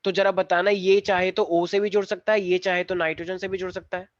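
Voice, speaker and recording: A male chemistry teacher with a fairly high voice lectures a class with playful teasing, slipping English terms into his explanations. The sound is dry and close, with a slightly dull, lo-fi tone. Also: level tone, fairly quick, dry recording.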